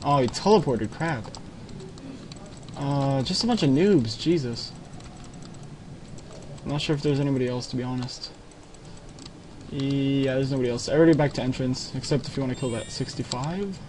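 A man's voice: mid-range voice, moderate pace, pauses often, darkish tone, slight background noise. A young man leading a clan in an online game, giving short repeated commands and live commentary into a headset mic. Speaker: clan leader giving orders.

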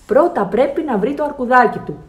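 A woman reads a children's bedtime story aloud, her voice pitched somewhat high. Her delivery is lively and expressive, swinging widely up and down in pitch. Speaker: children's book reader and translator. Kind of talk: reading a children's picture book aloud.

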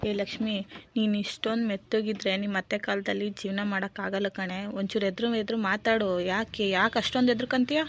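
A woman's voice: medium pitch, steady tone, fast, a little hiss or hum, close to an everyday voice. A woman as a chatty nosy neighbour. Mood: advising. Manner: familiar, advising, gossipy. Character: chatty, nosy neighbour woman, protective elder-sister type.

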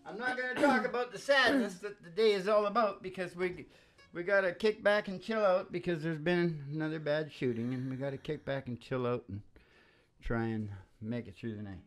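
Brisk and fairly bright in tone, an older man's high voice carries his radio music show as he rambles with wry, joking banter and frequent chuckles. He speaks up close to a microphone on a stand in a small, dim room with a wood-panelled wall.

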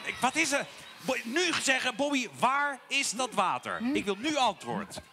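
An actor playing a bossy, excitable clown partner on a stage, giving orders and demanding answers. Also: male voice, extremely high pitch, moderate pace, heavy background noise, full character voice. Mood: indignant. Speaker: stage comedian. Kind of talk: live children's theatre comedy. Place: theatre stage. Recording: theatre hall reverb.

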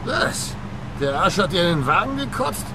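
An actor playing a brash, cocky male mobster in a dubbed video game, loud-mouthed and teasing. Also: high voice, very animated, moderate pace. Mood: brash, disgusted. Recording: loud car noise under dialogue. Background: car engine noise.

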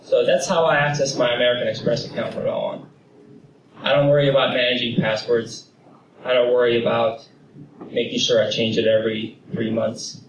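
A man's voice: mid-range voice, little pitch movement, normal speed, muffled recording. Young man, tech talk, handheld mic, echoey room, recorded from afar, background noise. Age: young adult. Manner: confident, explanatory, casual fillers. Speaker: tech company presenter. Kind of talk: conference talk with demo. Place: office meeting room with large windows. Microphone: handheld microphone. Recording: roomy, distant camera audio with noise.

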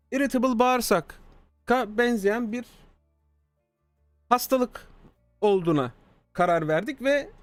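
A man streaming live, telling a story casually to his chat, animated and swearing freely. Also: high-pitched, no room sound. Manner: animated, swears freely, acts out quoted dialogue.

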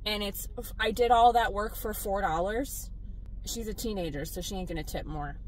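A woman, a delivery driver vlogging from her car, blunt and animated as she tells her stories. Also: mid-range voice, normal speed, a little hiss or hum, low-quality recording. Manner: exasperated, blunt, animated storytelling. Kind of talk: casual vlog venting to viewers.

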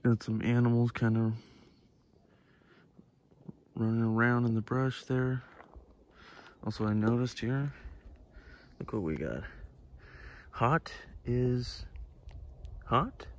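A man's voice: mid-range voice, unhurried, long pauses, a little mellow. A man filming himself on an outdoor hiking trail, talking through the hike in an easygoing, rambling way full of filler words. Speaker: vlogger hiker. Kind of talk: casual hiking vlog commentary. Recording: noisy outdoor recording.

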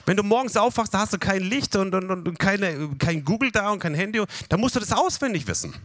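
A man preaching a sermon with animated delivery, leading the congregation through slow recitation of scripture. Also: high-pitched.

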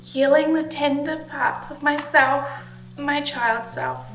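A woman reading a handwritten letter aloud slowly and earnestly inside a large church hall. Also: sits high, fairly even intonation, vocal fry, a bit bright, faint music behind. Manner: slow, tender and earnest. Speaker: vlogger. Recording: echoey hall, voice from far off.

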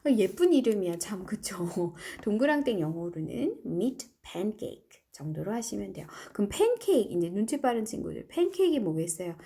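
A middle-aged woman teaching an English class online, explaining words step by step and reading example phrases slowly. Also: mid-range voice, big pitch swings, dark tone. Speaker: high school English teacher. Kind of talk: recorded online class lesson.

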